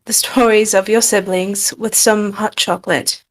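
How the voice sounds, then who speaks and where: A woman voicing a friendly adventurer who speaks slowly and gently. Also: mid-range voice, steady tone, natural voice. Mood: gentle.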